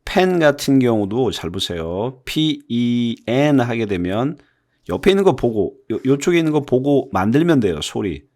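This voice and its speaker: A man's voice: mid-range voice, very animated, a little slow, darkish tone. A man whose first language is Korean, teaching English phonics in a video lesson, patiently explaining and repeating example words to demonstrate the vowel sounds.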